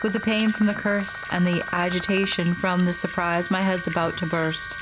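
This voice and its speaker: Female gaming host, lowish pitch, narrating and commenting on a horror game over prominent music. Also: flat delivery, moderate pace, rough recording.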